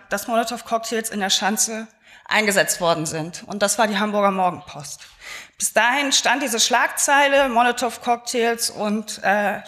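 A young adult woman with a fairly high voice gives a live talk on stage. She speaks in a chatty, conversational way and drops in frequent filler sounds between thoughts. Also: fairly bright tone. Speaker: conference speaker.

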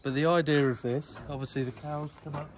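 A man's voice: on the high side, fairly even intonation, fairly quick, very noisy. A man in his thirties, a salesman, explaining a cattle feeder in a plain, helpful way in an outdoor machinery yard. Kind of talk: product demonstration.

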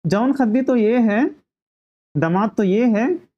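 A woman voicing a guileless young village man proud of his cap, speaking slowly and eagerly, on a dull lo-fi recording. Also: on the high side, animated, dark tone, voice pushed up.

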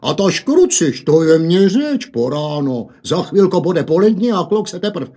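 A man voicing a gruff, irritable farmer father with a Hanák dialect, loud and scolding. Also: high-pitched, very animated, pitched above the performer's own voice, heavily acted. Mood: angry scolding.

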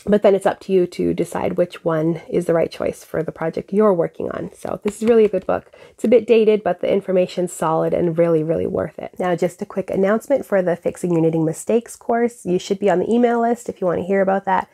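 A woman in her thirties hosts a knitting podcast from her home craft room lined with bookshelves, speaking to camera on a lapel mic. Her lowish, gravelly voice is stuffed-up from a blocked nose and runs fairly quick with hardly any pauses. She's relaxed and chatty, with frequent fillers.

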